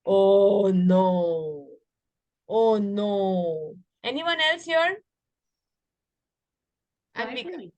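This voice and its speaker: In an online video lesson, a woman with an Indian accent prompts young learners through English with repetitive, instructive questioning. Her mid-range voice is animated and a little mellow, very slow with long pauses, and free of echo.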